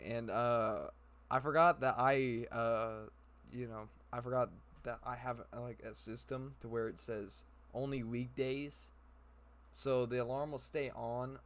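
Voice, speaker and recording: A young man of middle pitch chats to his viewers from his room, telling a story in a loose vlog. He rambles and laughs as he talks, with plenty of fillers and false starts. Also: fairly bright tone. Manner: rambling, laughs often, many fillers and restarts. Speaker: YouTuber. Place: his own room indoors.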